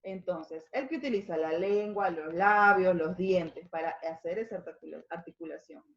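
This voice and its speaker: A woman's voice: lowish voice, normal speed, reverberant, muffled recording. A woman with a Peruvian accent teaching a school language lesson, explaining step by step and checking in with her students. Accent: Peruvian Spanish. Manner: explanatory, checks in with frequent tag questions.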